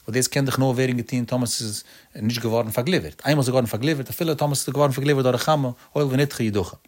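A man teaches a Talmud passage in the traditional chanting style. His voice sits at an ordinary middle pitch and swings up emphatically on key points. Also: very fast. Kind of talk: traditional Talmud study lecture.

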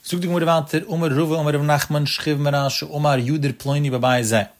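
A man's voice: fairly high pitch, steady tone, brisk. A man giving a traditional religious text-study lesson, explaining step by step in a sing-song cadence and repeating the key terms.

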